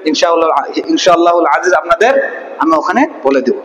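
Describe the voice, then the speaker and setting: A man teaching Quran reading online, spelling syllables slowly and answering his own questions. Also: a little high, fairly bright tone, roomy sound, long reverb tail, highs cut off. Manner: stretches out recited words in a slow chant.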